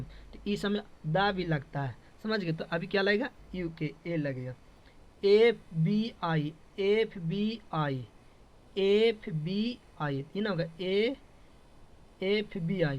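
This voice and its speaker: Teacher, male, high voice, drills with repeated questions, dull lo-fi sound. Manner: repetitive questioning, drilling students. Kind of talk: classroom grammar lesson. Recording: dull lo-fi classroom recording.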